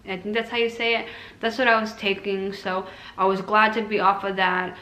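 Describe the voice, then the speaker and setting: A woman's voice: mid-range voice, flat delivery, normal speed, sharp tone. A woman vlogger chatting casually and informally as she recounts a personal experience. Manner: conversational, informal recounting with quoted asides. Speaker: vlogger recounting own surgery recovery. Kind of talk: casual chat to camera. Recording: roomy, echoing room sound.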